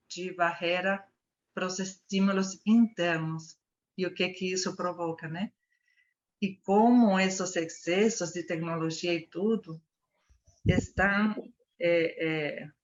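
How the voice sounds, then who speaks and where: A woman's voice: on the low side, a bit bright. A woman in her fifties from Argentina, giving a thoughtful comment in an online discussion and searching for her words. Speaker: meeting participant. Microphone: video call. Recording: muffled video call audio.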